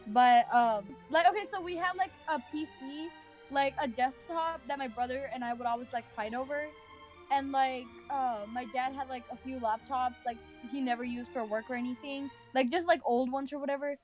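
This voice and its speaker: This young Californian woman's high-pitched voice moves at a moderate pace as she casually recounts something personal, rambling and saying "like" a lot. Faint music sits in the background.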